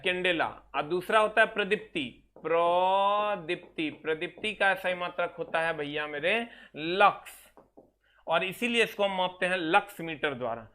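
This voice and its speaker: High, bright-voiced male coaching teacher. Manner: repetitive, drawn-out drilling of terms, calls students "bhai mere". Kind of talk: classroom lecture.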